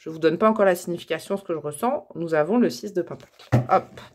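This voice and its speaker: A woman's voice: fairly low pitch, fast. Chatty French woman giving a tarot reading. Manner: chatty, warm, many fillers and self-corrections. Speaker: tarot reader and channel host. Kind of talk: casual tarot reading to camera.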